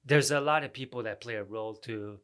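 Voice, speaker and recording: A man's voice: medium pitch, fairly quick, fairly bright tone, smooth. Earnest man giving reflective advice. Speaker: podcast guest, music producer. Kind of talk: casual podcast chat.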